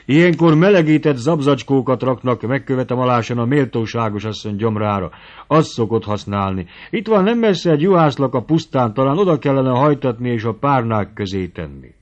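A man's voice: medium pitch, expressive, highs cut off, voice pushed up, lightly acted. A man reading the lines of a deferential manservant who speaks in a formal, humble way in a storybook reading. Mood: eager. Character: deferential male servant.

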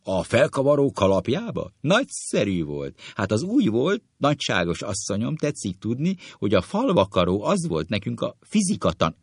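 A man's voice: medium pitch, few pauses, slightly rough, no echo, clean studio sound, voice pushed up, heavily acted. A man reading a comic story, voicing a jolly middle-aged male doctor who roars with laughter at old school memories. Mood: giddy. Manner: roaring with laughter, excitable.

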